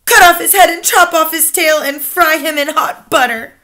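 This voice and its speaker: A woman's voice: extremely high pitch, moderate pace, bright, forceful tone, voice pushed up. A woman doing a shrieking crowd of witches. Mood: shrill. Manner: shrieking, eager, fawning. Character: shrill excited crowd of witches.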